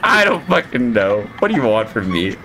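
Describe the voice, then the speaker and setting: Animated, argumentative American woman streamer. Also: very deep voice, normal speed, faint music behind. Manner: argumentative, exasperated, sweary, repeats words. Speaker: VTuber streamer. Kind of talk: casual livestream banter. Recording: clear background noise with clicks.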